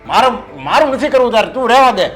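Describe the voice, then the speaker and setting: Strict dad lecturing his lazy son, high voice, faint music under it. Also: sing-song, fast, fairly bright tone, heavily acted. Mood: stern. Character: stern hardworking father scolding his idle son. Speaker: father.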